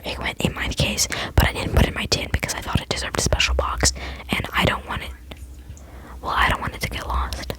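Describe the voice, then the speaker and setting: A woman hosting an ASMR video, talking in a soft, giggly, rambling whisper. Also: poor audio. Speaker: ASMR channel host.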